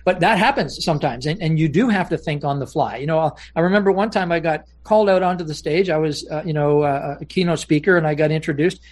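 Male guest speaker, high-pitched, anecdotal storyteller with comic timing. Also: quick pace, few pauses. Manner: anecdotal, punchline-driven, laughs easily. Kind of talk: storytelling interview talk.

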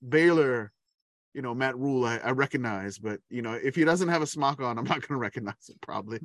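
A man's voice: mid-range voice, fairly quick, no room sound, studio quality. A man co-hosting a casual sports podcast, enthusiastic and rambling, laughing often. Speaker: podcast co-host.

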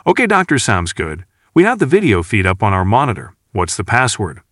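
A brisk woman space force captain who barks short orders, read by a man narrating an audiobook. The voice sits low but swings lively in pitch. It is recorded close and dry. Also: no room sound, full character voice. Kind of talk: audiobook character reading.

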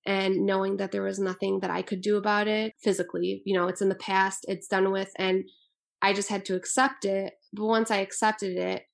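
A woman's voice: medium pitch, little pitch movement, moderate pace, vocal fry. A woman in her twenties, born in Albania, speaking as an author in an earnest, thoughtful interview. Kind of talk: interview answers.

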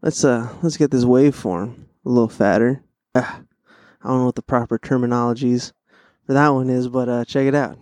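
A man's voice: mid-range voice, steady tone, normal speed, a little mellow, no room sound. A young man, audibly stoned, rambling in slangy, sweary, laid-back podcast chat and repeating himself. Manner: profane, repeats phrases. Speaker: podcast host.

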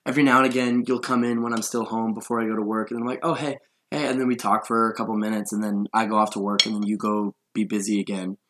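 A man's voice: on the low side, little pitch movement, quick pace, hardly any pauses, fairly bright tone. Rambling young man telling a story. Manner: rambling storyteller, laughs often. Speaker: podcast host. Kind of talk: casual chat.

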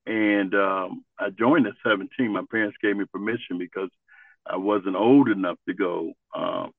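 An older man from Ohio, a Vietnam veteran, telling his life story in an interview in an earnest, halting way. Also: fairly low pitch, no room sound. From Ohio, USA. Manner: earnest, halting, searching for words. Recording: tinny phone-like line.

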